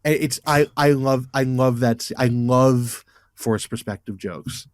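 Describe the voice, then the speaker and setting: A man on a podcast, gushing about scenes he loves and tripping over his own starts. His voice sits at a middle pitch and comes through dry and close, with no room sound. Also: a little slow, no room sound. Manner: enthusiastic, stammering restarts. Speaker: podcast co-host. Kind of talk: casual chat.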